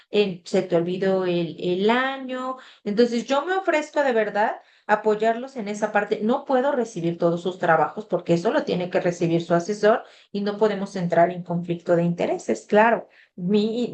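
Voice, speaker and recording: A woman's voice: fairly high pitch, a little mellow, a little hiss or hum. Woman, tutor, casual online class, video call mic, filler-heavy conversational delivery. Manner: conversational, reads the chat aloud, filler "este".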